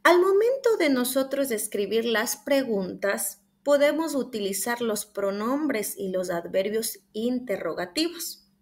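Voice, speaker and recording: Presenting to her class from slides, a young woman with an Ecuadorian Spanish accent speaks at a measured pace in a fairly high, expressive voice. As a student presenter, she reads the examples aloud and walks through each step.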